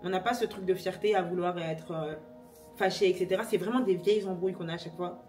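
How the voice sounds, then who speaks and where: Lively young woman vlogging, music behind. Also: on the low side, far from the mic. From Senegal. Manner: lively, laughs often, quick to argue. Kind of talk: casual vlog chat.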